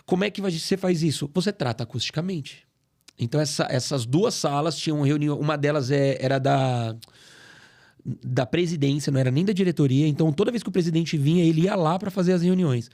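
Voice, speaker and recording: Man, somewhat high voice, animated explainer, podcast studio guest. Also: brisk. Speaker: guest, acoustics company CEO. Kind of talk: casual podcast interview.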